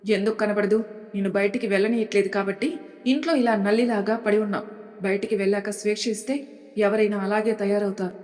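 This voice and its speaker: A woman's voice: medium pitch, steady tone, brisk, darkish tone, natural voice. A woman voicing a harsh middle-aged stepmother-aunt in an audio story, scolding and sneering at her niece. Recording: long hall reverb.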